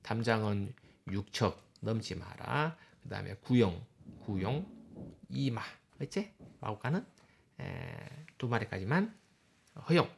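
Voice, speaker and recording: A male professor lecturing to a class. His voice is low and gravelly, with a creaky edge. He walks through slides in short explanatory phrases, pointing things out as he goes. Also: expressive, takes it slowly, a little hiss or hum. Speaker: university professor.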